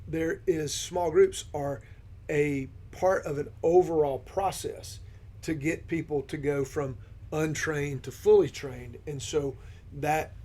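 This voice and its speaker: Steady man leading a discussion. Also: a little high, slow pace. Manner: steady, affirming, guides the talk with questions. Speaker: discipleship ministry team member leading the discussion. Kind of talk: conversational podcast discussion.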